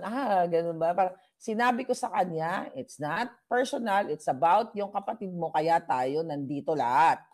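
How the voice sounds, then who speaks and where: A woman's voice: on the low side, darkish tone. A woman vlogger telling a gossipy story to her viewers in a chatty way, mixing in English. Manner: chatty, mixes English into Tagalog, frequent fillers. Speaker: political vlogger.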